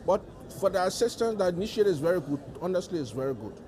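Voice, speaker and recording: A government delegate with a Liberian accent answers interview questions formally, repeating phrases to stress his points. His voice is high, sing-song and fast, with crowd noise around him.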